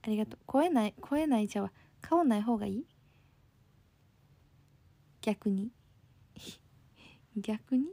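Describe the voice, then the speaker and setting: A woman's voice: fairly high pitch, lively intonation, takes it slowly, pauses often, warm tone, no room sound. A young woman with a Kansai accent, casually chatting on a live stream, reading comments and thanking viewers, a bit sleepy. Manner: bubbly, thanks viewers often. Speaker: livestream host.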